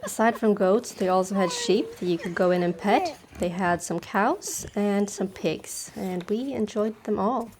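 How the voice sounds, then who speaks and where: Young woman doing vlog voiceover, chatty and upbeat, mellow soft tone. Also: medium pitch, animated, a little slow, few pauses, a little hiss or hum. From Sweden. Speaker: travel vlogger. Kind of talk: vlog voice-over narration.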